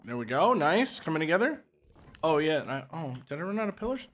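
A man's voice: fairly high pitch, big pitch swings, brisk, a bit bright. A man hosting a gaming channel, giving casual gameplay commentary with joking instructions and frequent laughter.

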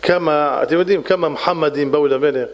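A man's voice: a little high, in a large hall. A man, a rabbi, telling a story in a sermon and acting out its characters in voices. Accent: Israeli Hebrew.

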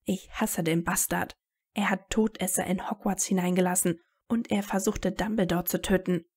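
A blunt teenage wizard hero, sarcastic and determined, talking straight to the point, as a woman reading a fan story gives him voice. The voice has a gravelly, creaky grain. It stays near her own reading voice. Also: medium pitch, fairly even intonation, moderate pace, a little mellow. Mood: blunt, tense.

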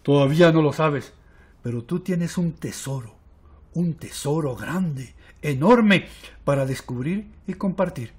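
A man's voice: fairly high pitch, lively intonation, a little slow. A tender storybook father, read by a man, patient and consoling as he reassures his child. His voice rises and falls expressively and he takes his time with each phrase. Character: loving, reassuring father blob.

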